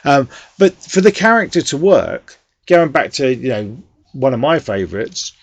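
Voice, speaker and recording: A man's voice: mid-range voice, big pitch swings, normal speed, dry recording, lo-fi sound. Dry-sounding male podcast host. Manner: rambling, fillers like "you know" and "um". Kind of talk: casual podcast chat.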